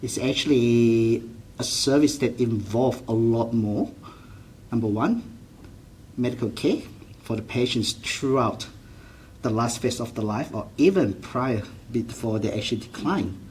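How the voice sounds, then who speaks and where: Speaking at a measured pace in a medium-pitched, somewhat mellow voice, a Malaysian-accented man in his forties from Malaysia, a general practitioner, earnestly answers interview questions. His grammar is non-standard and he restarts sentences often. Poor audio adds a little hiss or hum.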